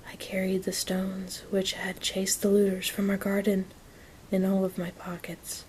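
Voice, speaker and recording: A woman whispering a story in a soft, gentle ASMR reading, taking her time. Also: medium pitch, completely flat delivery, unhurried, a little hiss or hum, low-quality recording. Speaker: reader of an audiobook-style story.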